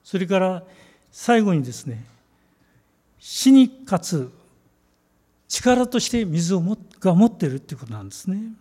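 Man preaching a measured sermon. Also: high voice, sing-song, warm tone, husky. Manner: measured, emphatic preaching with slow stressed phrases. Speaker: pastor.

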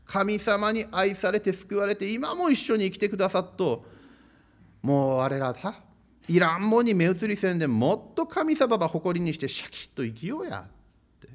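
A man's voice: high-pitched, very animated, moderate pace. A man doing an apostle in Fukuoka dialect. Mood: exhorting. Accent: Fukuoka dialect (Hakata and Chikugo). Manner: folksy, heartfelt exhortation. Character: earnest ancient apostle, man, encouraging a church. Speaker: pastor.

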